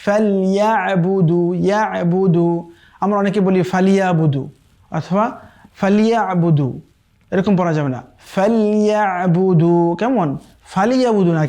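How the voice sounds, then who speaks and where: A man teaches Quran recitation in an online lesson. He explains the rules briskly and keeps asking his listeners whether they follow. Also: high voice, a little mellow. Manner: explains quickly, then recites verses slowly and drawn out; often checks in with listeners asking "okay?".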